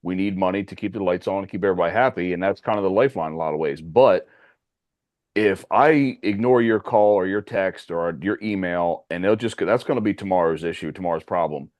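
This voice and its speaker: Earnest low-voiced man in his forties. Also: fairly quick, a little mellow, no room sound. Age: 40s. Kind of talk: casual chat.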